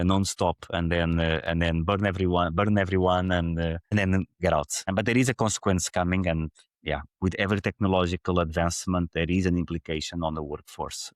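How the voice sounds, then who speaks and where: A man's voice: low voice, no echo, studio quality. A man from Portugal with a Portuguese accent, a podcast guest explaining his ideas earnestly and at length in run-on thoughts. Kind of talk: conversational interview.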